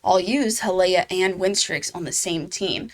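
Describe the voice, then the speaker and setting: In her own game guide video, a woman gaming channel host talks in a chatty way, using fillers and occasionally laughing at herself. She has a lowish voice and a measured pace.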